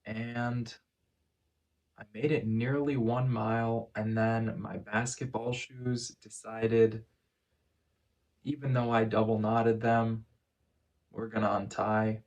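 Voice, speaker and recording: A man talking casually in a first-person vlog recap, phrasing things in a measured, deliberate way with pauses. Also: fairly low pitch, level tone, darkish tone. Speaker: vlogger.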